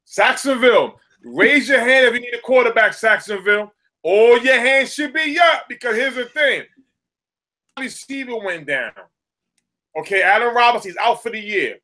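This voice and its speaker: Man, Southern US accent, sports podcast co-host, animated rants, high pitched. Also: normal speed. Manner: animated, preachy rants with repeated words. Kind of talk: casual sports podcast chat.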